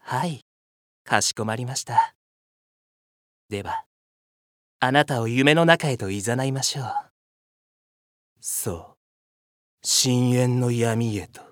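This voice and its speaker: Man acting a creepy, slow-spoken butler. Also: medium pitch, dry recording, clean studio sound. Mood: sinister, inviting. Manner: hushed, slow, ominously polite, drawn-out phrases. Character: creepy, courteous butler of a sinister dream mansion. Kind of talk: theatrical character voice sample.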